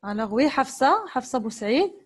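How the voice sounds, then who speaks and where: A woman's voice: high-pitched, big pitch swings, moderate pace, husky. A woman assisting in an online class, giving short prompts and calling on pupils by name from away from the mic.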